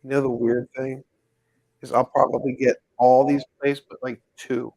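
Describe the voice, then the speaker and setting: A man with a gravelly, mid-pitched voice chats casually, rambling and thinking aloud as he works. The sound is dry and close, with no room echo. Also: level tone, normal speed, darkish tone. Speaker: pin collector host. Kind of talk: casual chat while hanging pins.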